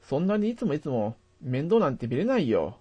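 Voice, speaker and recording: A man narrating a first-person memory as a steady, measured scripted reading. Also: on the high side, slightly rough, muffled recording.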